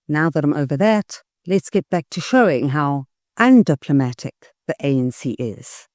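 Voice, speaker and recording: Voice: medium pitch, dark tone, no echo, clean studio sound. A political YouTuber, giving emphatic, scathing commentary and leaning hard on key words. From South Africa. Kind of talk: opinionated political commentary vlog.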